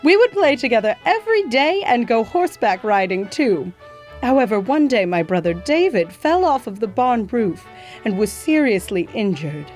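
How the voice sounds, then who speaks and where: A woman acting as a gracious, proud nurse from history, speaking in a genteel, motherly way. The voice sits fairly high and moves a lot in pitch. Soft music plays faintly behind. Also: sing-song, moderate pace. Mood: storytelling. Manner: genteel, calls listener "my dear" and "darlings". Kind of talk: scripted educational acting.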